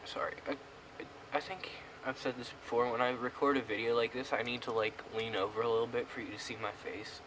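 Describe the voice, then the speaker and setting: A fairly quick, level-toned, mid-range male voice belongs to a young American product reviewer rambling through a casual vlog with a pouch under his upper lip. He's filmed in a small indoor space, and the camera mic captures clear audio with background noise.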